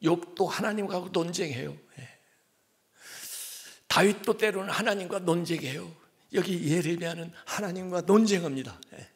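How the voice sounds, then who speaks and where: A man preaching a sermon as a pastor, conversational and self-deprecating, often dropping into soft whispered asides, with a gravelly voice. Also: high voice, moderate pace.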